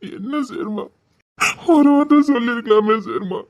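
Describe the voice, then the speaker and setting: A woman playing a police officer who is a heartbroken lover in an audio drama, speaking with a Tirunelveli Tamil accent in a hushed, urgent way that turns mournful. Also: on the low side, steady tone, fast, breathy edge, no echo, muffled recording.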